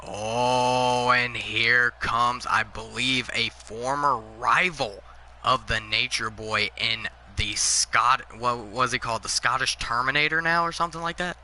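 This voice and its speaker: A man's voice: mid-range voice, steady tone, a little slow, sharp tone, a little hiss or hum. A young man casually commentating over a wrestling video game, joking and rambling, often restarting his sentences. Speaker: gaming commentator. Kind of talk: casual chat over gameplay.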